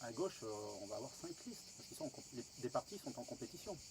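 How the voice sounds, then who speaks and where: A man's voice: medium pitch, sing-song, fast talker, background noise. A French man asking questions in an interview, hesitant, with many fillers and false starts.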